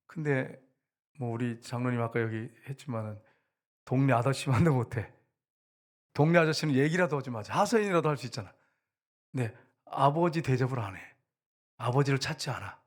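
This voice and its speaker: A man's voice: mid-range voice, moderate pace, pauses often. A middle-aged man preaching a sermon in a church, talking conversationally and acting out the voices of people in his stories. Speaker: pastor. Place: church sanctuary.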